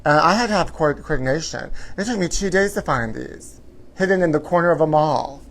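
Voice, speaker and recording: A man hosts a live gossip show, chatting casually with viewers on a livestream in a sassy, campy, theatrical drag-queen style. His voice is on the high side, brisk, with lively intonation, and there is a little hiss or hum.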